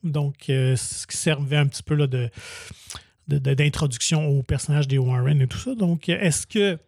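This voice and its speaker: A man with a Quebec French accent and a fairly high voice talks about films in a measured, hesitant way. The sound is close and dry, with no room echo. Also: gravelly, darkish tone. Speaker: film review co-host. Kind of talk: casual film review chat.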